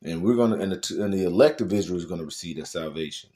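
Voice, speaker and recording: Deep-voiced man preaching with emphasis. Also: quick pace, warm tone. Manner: preachy, emphatic, punctuated with "all right"; stumbling, with many "uh" fillers. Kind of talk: scripture-reading sermon.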